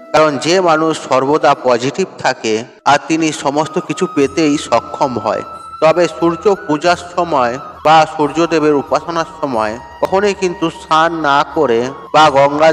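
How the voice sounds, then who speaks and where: A man hosting a devotional tips channel, giving measured, scripted instructions for a ritual and chanting mantras slowly. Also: on the high side. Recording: long reverb with faint music.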